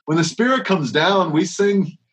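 Speaking at a moderate pace, a worship leader with a high-sitting, slightly bright voice talks casually in an interview. He wanders, restarts often, and piles up rhetorical questions.

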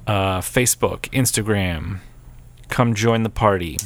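A man's voice: on the low side, measured pace. A man in his forties co-hosting a podcast, chatting casually in a rambling, laid-back way. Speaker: podcast co-host. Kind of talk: casual chat.

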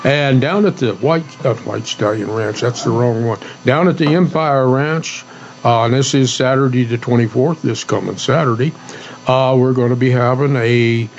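Gravelly, folksy man talking cowboy poetry. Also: medium pitch, normal speed. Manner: folksy, plain-spoken cowboy talk. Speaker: co-host of a casual talk show. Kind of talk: casual chat and cowboy poetry recital. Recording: dull lo-fi audio with faint hum.

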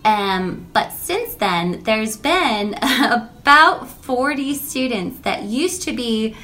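A woman in her thirties, a music teacher, chatting casually and telling animated stories about her lessons. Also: extremely slow. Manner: animated storytelling, acts out quotes in a high voice.

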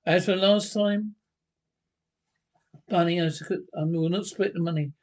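A blustering cartoon caveman husband, stubborn and sure of himself. He talks loud and gruff, with a voice pitched a little high for a man. His manner is boastful and short-tempered. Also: fairly even intonation, measured pace. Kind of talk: cartoon voice acting.

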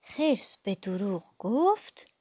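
A woman reading a children's audiobook aloud, playful and animated, adding sound effects. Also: medium pitch, slightly rough, no room sound, studio quality. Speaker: storyteller.

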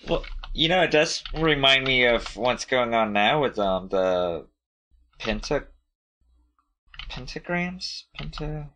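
Low rambling man, very bright tone. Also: lively intonation, slow. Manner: rambling, hesitant, searches for words. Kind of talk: casual chat.

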